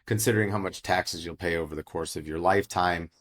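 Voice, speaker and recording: A middle-aged American man, a financial advisor, giving steady, explanatory answers in a casual interview. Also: low voice, quick pace. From United States.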